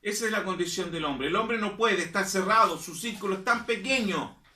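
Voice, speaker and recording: A pastor preaching in a high, bright, ringing voice, repeating his lines for emphasis. He sits back from the microphone in an echoey church hall. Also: fairly quick, recorded from a distance. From Chile. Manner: emphatic preaching, repeats phrases, calls listeners "hermano". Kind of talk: sermon. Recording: echoey room, voice from off-mic.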